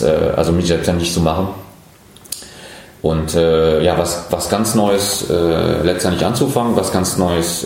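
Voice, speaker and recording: Low-voiced French-accented man in his forties. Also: darkish tone, very echoey. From France. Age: 40s. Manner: thoughtful, many pauses and fillers. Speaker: startup founder. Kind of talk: interview answers.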